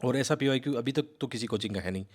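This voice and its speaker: Fast-talking man teaching exam prep. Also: medium pitch. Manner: rapid, emphatic, coaxing students, mixes English words. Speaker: civil service exam coaching teacher. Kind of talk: fast explanatory lecture.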